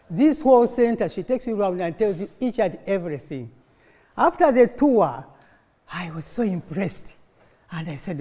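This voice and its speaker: Speaking live to an audience in a conference hall, a Ugandan woman of middle age or older, Luganda-native and Ugandan-accented, uses a medium-pitched voice. Her informal speech is animated storytelling full of questions that invite the crowd to respond, and the room echoes with long reverb.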